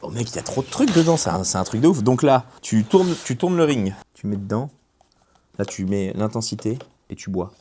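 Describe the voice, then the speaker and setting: A man casually presenting his car and sponsors in a loose, excited vlog, full of fillers and slang. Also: on the low side, fairly quick, long reverb tail, a little hiss or hum.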